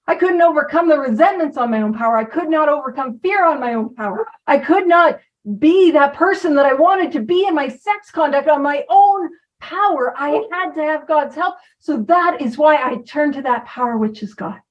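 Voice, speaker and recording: Speaking at a recovery program, a woman wanders from topic to topic in a casual, self-mocking talk. Her high voice is animated and moves at normal speed, recorded from a distance with the highs cut off.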